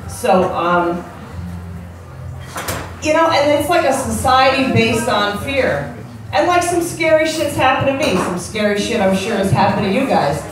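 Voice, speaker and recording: An American woman in her forties performing live stand-up comedy in a brash, profane, conversational way. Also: mid-range voice. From upstate New York, United States. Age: 40s. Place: indoor comedy show with live audience. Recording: echoey, noisy club recording from far off.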